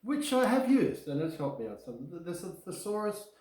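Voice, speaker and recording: A man's voice: sits high, big pitch swings, normal speed, darkish tone. A man chatting casually as a trainee in an assessment, often repeating short affirmations. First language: Macedonian. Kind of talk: casual spoken assessment conversation. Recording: echoey room.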